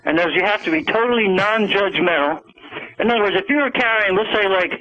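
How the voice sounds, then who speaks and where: High-voiced man calling in by phone. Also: a little fast, a little hiss or hum. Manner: long-winded, insistent, talks over the host. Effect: phone line call-in audio. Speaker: caller to a radio show. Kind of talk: rambling call-in monologue. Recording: muffled phone-line audio.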